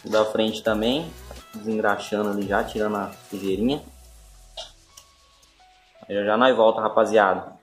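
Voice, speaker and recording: A man's voice: lowish voice, level tone, normal speed, long pauses, soft background music. Laid-back Brazilian man hosting a vlog. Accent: Brazilian Portuguese. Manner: laid-back, slangy, keeps addressing the viewers. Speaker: channel host. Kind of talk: casual chat.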